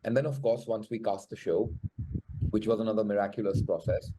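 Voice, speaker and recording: A man's voice: fairly low pitch, steady tone, fairly quick, dark tone, a little hiss or hum, poor audio. A man with an educated, posh Indian English accent, speaking reflectively and articulately as a screenwriter in an interview. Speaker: screenwriter and show creator. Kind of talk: thoughtful panel interview answer.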